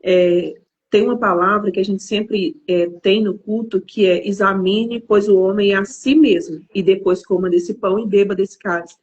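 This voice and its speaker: A woman's voice: mid-range voice, steady tone, normal speed, slightly rough, dull audio. A Brazilian woman pastor responding to a testimony with affirming, teaching remarks. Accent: Brazilian Portuguese. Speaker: pastor and host. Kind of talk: conversational preaching.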